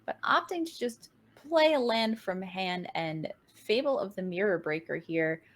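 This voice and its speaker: An upbeat woman gives play-by-play for a card game tournament. Her voice sits in a middle range, and she speeds up and rises in pitch as she tracks each move. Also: animated, a little slow. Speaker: game caster. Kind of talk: play-by-play esports commentary.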